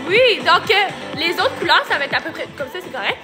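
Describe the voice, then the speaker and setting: Playful high-voiced Québécois woman. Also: very animated, a little fast, big-room sound, music in the background. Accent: Québécois French. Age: young adult. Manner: playful, laughing, coos and sings to the bird. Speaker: animal educator presenting a parrot. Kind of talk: live-stream animal presentation.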